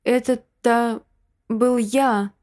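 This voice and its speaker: A cruel killer squeezes out his words in a forced, strained voice as he gloats over his crimes, voiced by a woman reading. The voice is slow and a touch high. It is storybook villain speech. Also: darkish tone. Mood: gloating. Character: cruel gloating male murderer.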